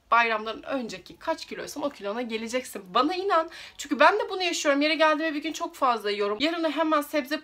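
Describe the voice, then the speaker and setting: A woman's voice: a little high, bright, forceful tone. A young woman vlogger giving earnest, emphatic diet and motivation advice straight to her viewers. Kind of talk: motivational talk to camera.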